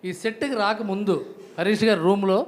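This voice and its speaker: A man's voice: sits high, steady tone, normal speed. A man anchoring an event, upbeat and inviting people forward.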